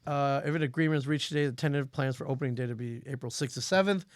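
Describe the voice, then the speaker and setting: A man chatting as a podcast guest, easygoing and quick to laugh along. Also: medium pitch, no room sound. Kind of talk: casual chat.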